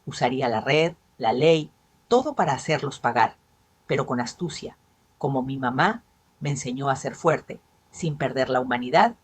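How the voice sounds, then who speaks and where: Breathy woman telling a dramatic story. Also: very deep voice, normal speed, dry recording. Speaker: narrator. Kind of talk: dramatic first-person story narration.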